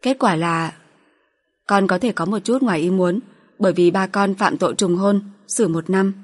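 A woman voicing a calm young mother in an audiobook, speaking gently and in a measured way. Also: mid-range voice, lightly acted. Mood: gentle.

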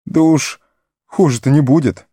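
A man's voice: measured pace, dark tone, slightly rough, no echo, studio quality. A man voicing a loyal, fretful young male hobbit servant in an audiobook, pleading and tearful in a raised voice. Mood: stubborn. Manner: high pleading, sobbing, breathless. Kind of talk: audiobook character voice.

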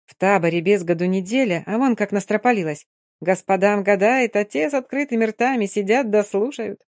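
A woman's voice: medium pitch, brisk, a little mellow, no room sound, natural voice. Woman reading as a gloomy envious young roma girl, grumbling, dry close sound.

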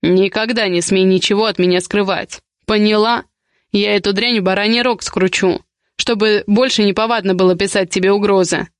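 A woman reading as a domineering, possessive young man in a romance audiobook, giving low, menacing commands. The reader keeps close to her own mid-pitched voice for him. The sound is dry and close-miked. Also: fairly even intonation, normal speed, no room sound, close to an everyday voice.

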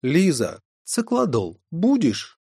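A man's voice: on the high side, wildly swooping pitch, slow pace, gravelly, dark tone, breathy edge, no echo, clean studio sound, voice pushed up, exaggerated voice. A man reading an audiobook, voicing a lazy, amused young hippie man with a drawl.

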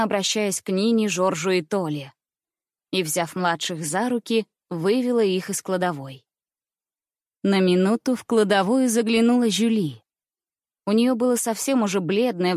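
A woman narrating an audiobook with expressive storytelling. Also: mid-range voice, no echo, studio quality.

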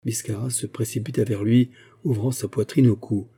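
A man reading a classic novel aloud in an even, measured storytelling way. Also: lowish voice, breathy edge. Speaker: audiobook narrator.

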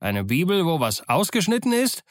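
A man's voice: mid-range voice, expressive, a little slow, dry recording. A man voicing a scheming old pirate chief who blusters and mocks his crew, in a dry recording. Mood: mocking. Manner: blustering, mocking.

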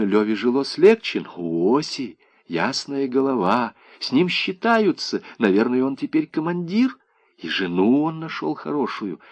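Low-voiced man reading a story dramatically. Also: dry recording. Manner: dramatic, wide swings between hushed and loud. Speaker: reader. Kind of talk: expressive literary reading.

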